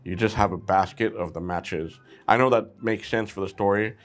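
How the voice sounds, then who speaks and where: A man with a lowish voice hosts a brick-set review channel, speaking at a moderate pace. His product review is casual and chatty, delivered informally and playfully straight to his viewers.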